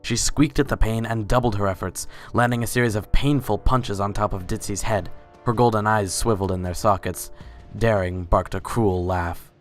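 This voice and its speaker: A man with a low voice narrates a dramatic story reading from a script, keeping his intonation fairly even and his pace moderate. Faint music plays underneath.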